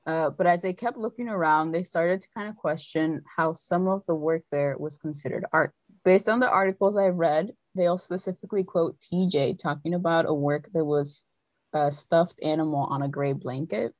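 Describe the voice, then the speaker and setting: A woman's voice: deep voice, normal speed, darkish tone, no room sound. A young woman hosting a casual chat, telling a story with chatty asides. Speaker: podcast host telling a story.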